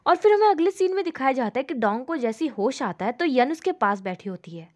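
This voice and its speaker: A woman with a somewhat high voice tells the story of a drama. She moves through it scene by scene in an even, unhurried flow, like a recap narrator. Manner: steady retelling, leans on the filler "जो है".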